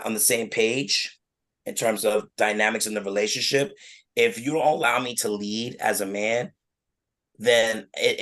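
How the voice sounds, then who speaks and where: Earnest man explaining himself, lowish voice. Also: a bit bright. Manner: earnest, halting, restarts often while explaining. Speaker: podcast co-host. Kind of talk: casual chat.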